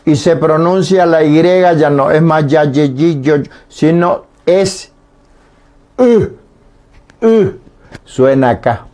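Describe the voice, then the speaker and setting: A man's steady, darkish, fairly high-pitched voice comes through a radio studio microphone as he teaches Guarani. He takes his time with patient explanations and pronounces each vowel aloud as a demonstration.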